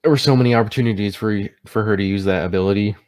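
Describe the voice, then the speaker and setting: A man's voice: fairly low pitch, rapid-fire, a little mellow. A man giving a casual, unscripted movie review, sounding tipsy as he stumbles over words and catches himself.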